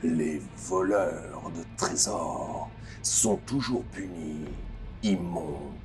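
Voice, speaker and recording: A man voicing an ancient, tyrannical godlike guardian of an underground city in a tabletop game, deep, cavernous, menacing and grandiloquent. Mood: imperious, threatening. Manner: slow, menacing, imperious, grandiloquent. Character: ancient vast tyrannical underworld guardian, self-proclaimed mountain emperor. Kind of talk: deep echoing underworld god, dramatic monologue. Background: music.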